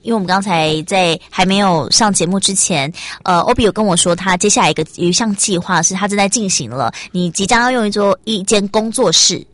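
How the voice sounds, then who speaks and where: A fast-talking woman, hosting a relaxed podcast conversation. She speaks in a chatty, sympathetic way and keeps the talk moving. Her voice sounds dry and close to the mic. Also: medium pitch, no echo. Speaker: host. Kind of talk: casual chat.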